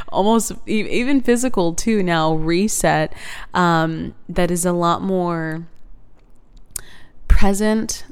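A young woman in her twenties hosts a reflective faith podcast, delivering a monologue in a smooth, lowish voice. She is earnest and warm-hearted, laughs often, and uses many fillers.

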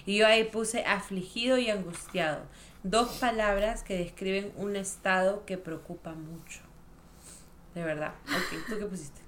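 Lively bright-voiced woman in Bible chat. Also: medium pitch, measured pace, a little hiss or hum. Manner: lively, laughing, reads verses aloud. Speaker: co-host of a Bible study chat. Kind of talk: casual Bible study chat.

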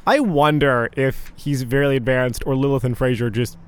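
A man co-hosting a podcast in casual chat, playful and jokey with quick asides. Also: medium pitch, fairly even intonation, clear, resonant tone. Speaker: podcast co-host.

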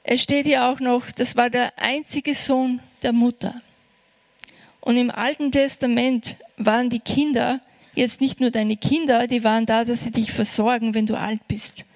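A woman preaching a sermon, earnest and encouraging, slowing down for emphasis. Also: a little high, flat delivery.

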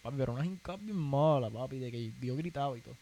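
A man's voice: medium pitch, quick pace, a little hiss or hum. A young man with a Puerto Rican accent, telling stories in a casual podcast chat, full of slang and the word "papi". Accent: Puerto Rican Spanish. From Puerto Rico. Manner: animated storytelling, slangy, keeps saying "papi".

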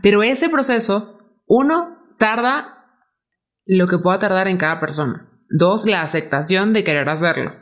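A woman's voice: mid-range voice, normal speed. A woman hosting a casual conversation, telling stories and acting out quoted voices. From Venezuela. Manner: animated storyteller who acts out quotes. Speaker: podcast host.

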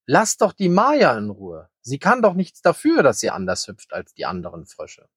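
A shy, sensitive little hare talks timidly in a children's story, as a man reads him. The voice is husky, dry and close, with a lively lilt. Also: medium pitch, normal speed, no room sound, full character voice. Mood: pleading. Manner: timid and questioning. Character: small shy young male hare, sensitive.

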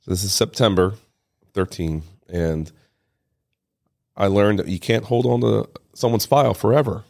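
A man giving an emotional personal testimony in an interview, halting and often repeating his words. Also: fairly low pitch, gravelly, a little mellow. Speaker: interview guest, father. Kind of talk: personal testimony, casual storytelling.

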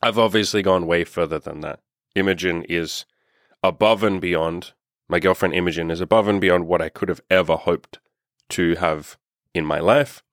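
A man's voice: low-pitched, steady tone, moderate pace, no room sound, studio quality. A man in his thirties, a dating and self-improvement coach, talking candidly and upbeat in a casual podcast monologue, swearing freely. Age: 30s. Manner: candid, upbeat and heavily profane.

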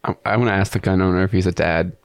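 A man's voice: low-pitched, fairly even intonation, racing, no echo, studio quality. A man chatting casually and brashly as a player in a tabletop role-playing game.

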